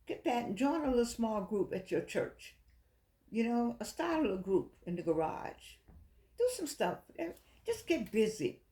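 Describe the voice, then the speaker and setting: Middle-aged woman, toothless speech, very lively pitch, sassy rambling advice, echoey room. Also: normal speed. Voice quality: toothless, slightly soft articulation. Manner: animated, sassy, folksy, repeats phrases for emphasis. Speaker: vlogger. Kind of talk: casual chat, rambling advice to viewers.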